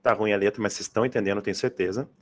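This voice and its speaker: A man's voice: fairly low pitch, fairly even intonation, very fast. A man teaching a live grammar class for exam students, in a casual, slangy way, often asking the class to confirm they follow. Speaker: Portuguese teacher. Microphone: adjustable microphone.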